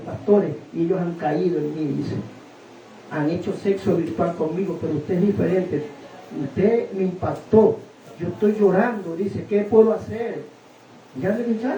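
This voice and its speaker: A man preaching an animated sermon to his congregation, often calling out to them. His voice is dark and mellow. The sound rings around an echoey room and is picked up from some distance away. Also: high voice, highs cut off. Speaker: pastor. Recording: echoey room, heard from a distance, faint room noise.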